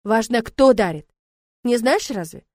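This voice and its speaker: A woman's voice: on the high side, expressive, measured pace, no echo, studio quality. A woman reading the part of a young male company director, eager and boyish with a cheeky edge. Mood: cheerful. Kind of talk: audiobook character voice.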